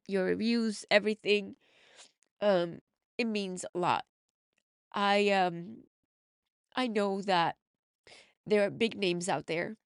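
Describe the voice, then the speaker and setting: A woman's voice: medium pitch, creaky, clear, resonant tone, dry recording, clean studio sound. A woman hosting her own podcast as a mindset coach, talking earnestly and emphatically to encourage her listeners. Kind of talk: motivational podcast monologue.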